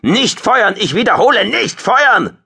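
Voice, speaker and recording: A man playing a male squadron commander shouting orders over the radio in a sci-fi audiobook. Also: low voice, normal speed. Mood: alarmed shouting.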